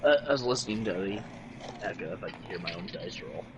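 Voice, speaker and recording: A man's voice: low-pitched, expressive, fast. A man chatting casually as a player in an online tabletop roleplaying game. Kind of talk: casual chat. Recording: dull, noisy online voice chat.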